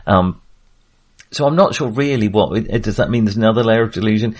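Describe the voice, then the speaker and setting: A podcast co-host with a fairly low male voice chats informally about movies. He speaks haltingly, seeming to piece together each idea as he goes.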